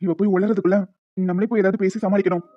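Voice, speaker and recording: A woman's voice: medium pitch, fairly even intonation, fast, no room sound, lightly acted. A woman voicing a protective young man who questions firmly and reassures in a cartoon. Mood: demanding. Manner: firm, questioning. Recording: dull lo-fi with music behind.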